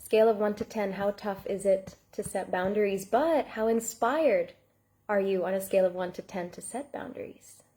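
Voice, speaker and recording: Earnest woman coach with a mellow voice. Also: mid-range voice, normal speed. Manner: earnest, heartfelt, speaks to chat viewers by name. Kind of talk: live online masterclass talk.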